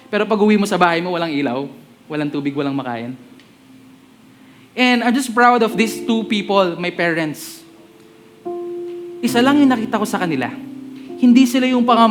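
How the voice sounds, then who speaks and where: High-voiced man preaching over guitar. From Philippines. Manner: switches between Tagalog and English mid-sentence; chatty, jokes with the congregation. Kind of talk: sermon.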